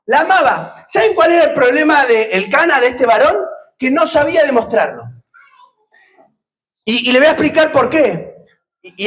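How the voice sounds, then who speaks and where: A man's voice: extremely high pitch, fairly bright tone, poor audio. A man preaching a sermon, putting questions to the congregation and joking with them. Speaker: pastor.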